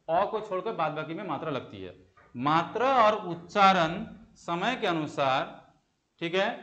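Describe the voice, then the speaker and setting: Lively high-voiced Hindi teacher. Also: male voice, muffled recording. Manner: asks the class questions and answers them himself, repeating key terms. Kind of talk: exam-prep Hindi grammar lesson.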